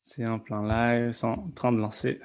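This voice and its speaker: A man's voice: medium pitch, fairly even intonation, a little slow, clean tone. A man hosting a live online interview, upbeat and chatty, with many restarts. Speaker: host.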